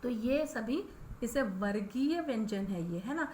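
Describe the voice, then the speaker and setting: A woman teaching children a grammar lesson, explaining patiently and saying each sound aloud, often checking in with a quick question. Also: on the high side, expressive, mellow. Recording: echoey room with faint ambient noise.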